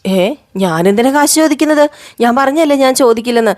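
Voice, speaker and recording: A woman narrator does a stubborn middle-aged husband who firmly turns down his wife. He sounds fairly high for a man. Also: lively intonation, quick pace, a little mellow, close to an everyday voice. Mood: reproachful. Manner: reproachful, firm.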